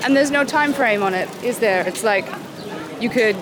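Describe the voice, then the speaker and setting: A woman's voice: a little high, normal speed. A woman conducting a casual interview outdoors as the interviewer. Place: outdoors on a busy city street. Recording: busy street, crowd and traffic. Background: street bustle and vehicles.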